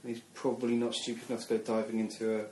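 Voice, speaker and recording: A man acting as game master for a tabletop game, moving through turns briskly and leaning on "right" and "okay". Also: medium pitch, completely flat delivery, a little mellow. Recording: echoey room with background noise.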